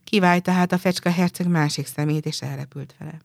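A woman reading a fairy tale aloud in a calm, even storytelling manner. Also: lowish voice, creaky, dry recording, clean studio sound.

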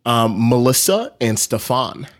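A man's voice: mid-range voice, expressive, unhurried. A young man talking casually as a podcast guest, laid-back, with lots of fillers and easy laughs. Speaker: guest, coffee brand founder.

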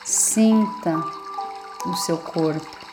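A woman with a lowish voice and a Brazilian accent talks listeners through a meditation, gentle and slow, pausing at length between short phrases. Music plays underneath, and the audio quality is poor.

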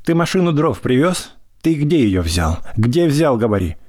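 A man reading aloud and voicing a shrill, scolding older village mother-in-law who threatens with trembling voice. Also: animated, moderate pace, darkish tone, no echo, studio quality, natural voice. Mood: shrieking.

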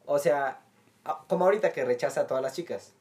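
A man's voice: fairly high pitch, fast, a little mellow. A man hosting a joking casual chat, teasing his friend and repeating his name. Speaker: host.

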